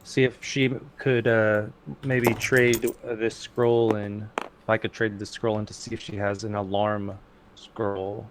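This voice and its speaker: Male tabletop player, fairly low pitch, tentative casual delivery, slight noise and clicking. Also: flat delivery, a little slow. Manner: tentative, hesitant phrasing. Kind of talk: casual in-game chat.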